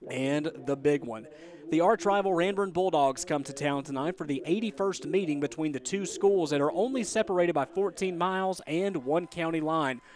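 Higher-voiced male sports broadcaster. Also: normal speed, a little mellow. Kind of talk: pregame commentary with read headlines.

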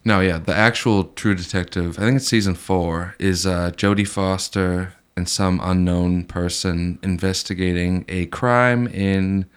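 A man in his thirties co-hosting a podcast, chatting casually with sarcastic jokes and quick asides. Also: deep voice, steady tone, clear, resonant tone. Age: 30s. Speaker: podcast co-host. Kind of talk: casual chat.

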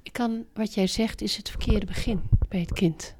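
A woman's voice: mid-range voice, moderate pace, a little mellow. A middle-aged woman as an interview guest, talking emphatically about raising children and repeating her key points. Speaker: interview guest, parenting expert. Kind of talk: conversational interview.

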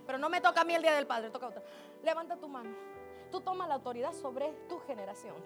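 A woman preaching with great fervor, her very high voice dropping to a hush and then rising to a shout. Music plays clearly behind her in the church service. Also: lively intonation, quick pace. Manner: impassioned, swings from hushed to shouting. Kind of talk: sermon.

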